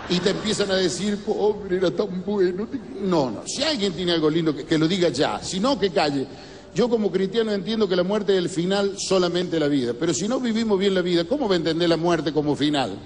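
A man with a Cordobés Argentine accent doing a folksy comic monologue, telling stories slowly. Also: high-pitched, roomy sound, a little hiss or hum. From Córdoba, Argentina. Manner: folksy, storytelling, slow and relaxed. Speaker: stand-up comedian.

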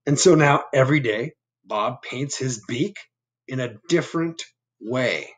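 Unhurried and mid-range in pitch, a man in his fifties reads a picture book to children at home in a small room. He breaks off for simple explanatory asides in a chatty, teaching manner, with slight background noise.

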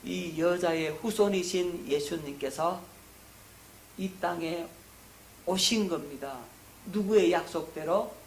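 A middle-aged man preaching a sermon lecture as a pastor, who asks the congregation questions and answers them himself, getting higher and louder on key points. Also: slight background noise. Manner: rises in pitch and volume on emphasis. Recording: echoey room.

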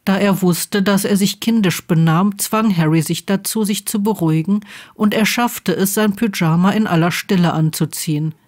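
A woman reading a fan story aloud with steady, even pacing. Her voice sits in a middle pitch and carries the narration plainly from line to line. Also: normal speed. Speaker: fan fiction reader.

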